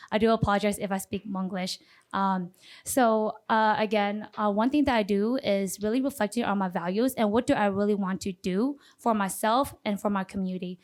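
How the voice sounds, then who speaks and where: A woman speaking as a pageant contestant, giving formal, earnest answers in an interview round and politely thanking the questioner. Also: medium pitch. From Minneapolis, Minnesota.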